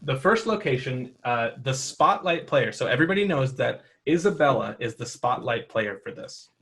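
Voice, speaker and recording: A man's voice: mid-range voice, animated, normal speed, vocal fry, a bit bright. A man running a tabletop role-playing game for children, explaining the rules patiently and encouraging the players. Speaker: game master.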